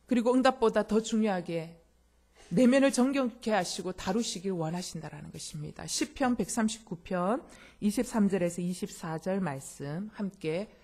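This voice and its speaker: A woman pastor preaches a sermon in a medium-pitched, slightly mellow voice at a normal speed. She is emphatic and often addresses her congregation directly with questions.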